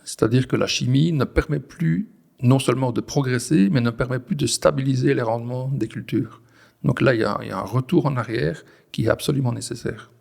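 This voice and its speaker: A man in his forties with a Belgian French accent, a farmer explaining his work in an interview, pausing and restarting often. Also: mid-range voice, vocal fry, darkish tone. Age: 40s. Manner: hesitant, many restarts and fillers. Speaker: farmer, guest. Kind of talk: conversational interview.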